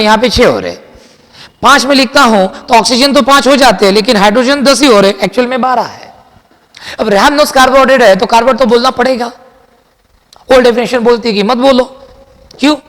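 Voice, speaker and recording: A man teaching chemistry in a classroom lecture, mixing Hindi and English, asking and answering his own questions and repeating key sentences slowly for dictation. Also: very high voice, a bit bright, big-room sound. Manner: addresses students as children, asks and answers his own questions.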